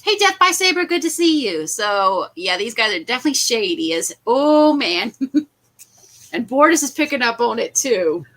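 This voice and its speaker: A woman's voice: fairly high pitch, very animated, moderate pace, a bit bright, poor audio. A woman hosting a casual livestream watch party, chatting animatedly and laughing often. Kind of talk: casual group chat on a livestream.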